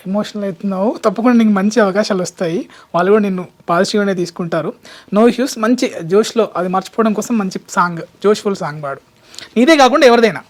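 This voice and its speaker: A woman's voice: medium pitch, fast talker. A woman interviewing a guest, soothing and encouraging, with frequent hums of agreement.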